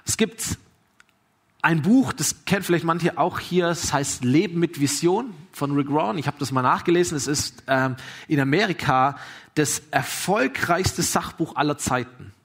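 Man preaching, emphatic then hushed. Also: a little high, animated, moderate pace, slightly rough. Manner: emphatic, swings from raised to hushed. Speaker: pastor. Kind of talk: sermon with storytelling.

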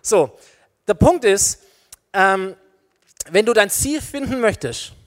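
A man with a rather high voice delivers a sermon, turning to his listeners with questions and everyday examples. His voice carries a long reverb from a large hall. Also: slow. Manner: lively preaching with illustrations, addresses listeners directly. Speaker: preacher.

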